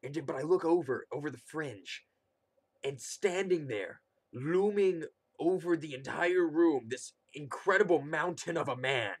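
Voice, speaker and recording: A man's voice: fairly high pitch, unhurried, husky. A young man casually telling a humorous personal story, animatedly acting out his reactions. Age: young adult. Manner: animated, acts out quotes and reactions. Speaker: comedic storyteller.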